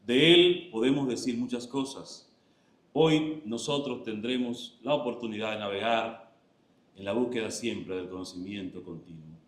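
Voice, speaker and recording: A man's voice: medium pitch, unhurried, a little hiss or hum. A man giving a formal introduction of a speaker, exhortative in tone. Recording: echoey lecture hall.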